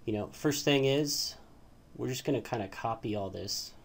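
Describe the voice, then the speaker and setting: A man's voice: mid-range voice, moderate pace, gravelly. A man giving a casual, hesitant coding tutorial, full of fillers and asking "right?" as he walks through his screen. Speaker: tutorial host.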